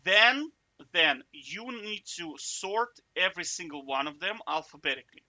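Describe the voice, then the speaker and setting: Animated and bright, this man's highish voice comes across as forceful at a moderate pace. He's a coding tutor doing a casual, talkative walkthrough, thinking aloud, joking in asides, cutting himself off, and asking the viewer "right?" again and again.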